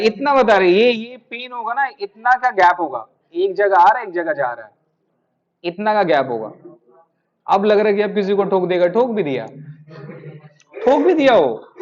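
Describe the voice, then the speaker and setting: A male tutor with a high voice gives a classroom lecture and tells an animated anecdote. He keeps checking that the students follow, calling them sir. The recording sounds dull and lo-fi.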